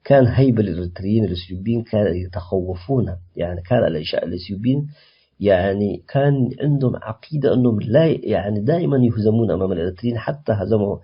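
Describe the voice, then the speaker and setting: Impassioned husky man, halting restarts. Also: lowish voice, animated, highs cut off. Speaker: political activist guest. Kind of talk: radio interview answer.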